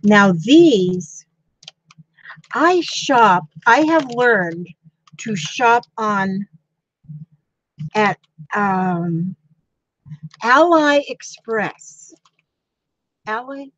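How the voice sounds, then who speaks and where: An older woman chatting casually on a craft livestream, thanking viewers warmly and exclaiming often as she sews. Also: mid-range voice, lively intonation, very slow, pauses often, dry recording, muffled recording. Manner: chatty, gushing thanks to viewers with frequent gasps. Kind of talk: casual live-stream chat while sewing.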